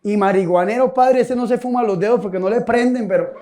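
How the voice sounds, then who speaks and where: High-voiced priest joking through a sermon. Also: male voice, a little fast, noisy background. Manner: folksy storytelling, jokes, direct questions to listeners. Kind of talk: humorous sermon to a congregation.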